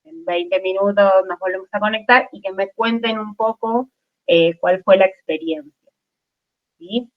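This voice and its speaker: A woman with an Argentine accent teaches an online chemistry class, chatty and informal. She checks in with her students often and pads her talk with fillers. The sound is dull and lo-fi over a video call. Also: medium pitch. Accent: Argentine Spanish.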